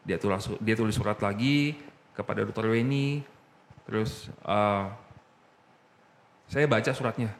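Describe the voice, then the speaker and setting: A man casually telling his personal story as a guest, slipping English phrases into his talk and getting animated as he recounts. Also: lowish voice, a little slow, long pauses, slight background noise.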